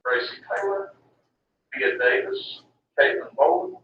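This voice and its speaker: A man's voice: mid-range voice, wildly swooping pitch, a little slow. A man reading out names and a polite request over a school intercom. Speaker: school staff making announcements. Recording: distant roomy intercom, dull with hiss.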